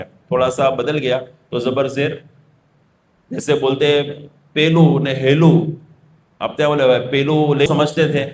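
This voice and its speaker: A man's voice: medium pitch, echoey room, a little hiss or hum. A male preacher tells a religious story as a sermon. He explains with everyday examples and asks and answers his own questions.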